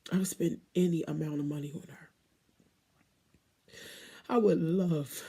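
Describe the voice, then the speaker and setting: A woman in her thirties giving a candid, emotional personal monologue to viewers, with emphatic pauses and blunt swearing. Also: on the low side, creaky, warm tone, slightly rough. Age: 30s.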